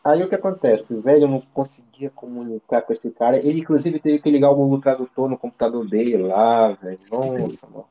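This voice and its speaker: A man from Brazil talks as an interview guest, his voice mellow and relaxed in tone. He tells his story casually and loosely, with plenty of slang, fillers and false starts. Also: mid-range voice, brisk, hardly any pauses, lo-fi sound. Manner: slangy, rambling, full of fillers and restarts. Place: living abroad in Ireland.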